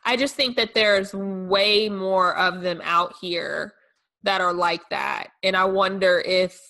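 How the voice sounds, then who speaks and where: Reflective woman co-host, bright ringing tone, searching for words. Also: medium pitch, fairly even intonation, slow pace. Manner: thoughtful, hesitant, many fillers. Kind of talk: casual chat.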